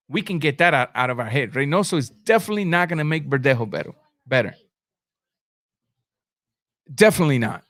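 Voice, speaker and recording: With a voice on the high side and a fairly bright tone, a man runs a live boxing stream, replying to chat with blunt slang and repeated phrases for emphasis. The sound is clean studio quality with no echo.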